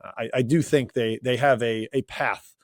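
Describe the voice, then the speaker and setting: Man, podcast co-host, medium pitch, dry close mic, relaxed measured analysis. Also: dry recording. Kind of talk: casual sports podcast chat.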